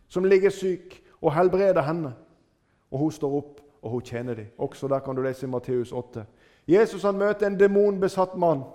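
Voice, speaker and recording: A man preaching a sermon, retelling stories with dramatic rises and falls in his voice. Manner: dramatic retelling with wide swings in pitch and loudness.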